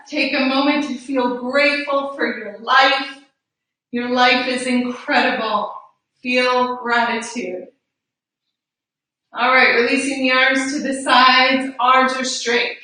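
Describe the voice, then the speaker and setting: A woman teaching a live yoga class, calmly guiding breaths and poses with encouragement, a little out of breath. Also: high-pitched. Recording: roomy echo, distant mic.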